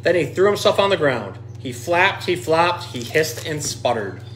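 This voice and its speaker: A storyteller with a higher-pitched male voice reads a picture book aloud at normal speed, expressive and animated, giving the dialogue dramatic readings. The recording is noisy.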